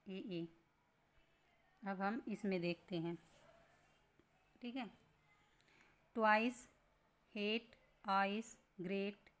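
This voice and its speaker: Here a woman at medium pitch gives a lesson, taking her time, explaining patiently, restating points and raising rhetorical questions.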